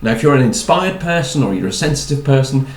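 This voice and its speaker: A man's voice: mid-range voice, animated, fast talker, roomy sound, background noise. A man giving a chatty talk on personality types, with wry asides and repeated words. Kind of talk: talk to an audience.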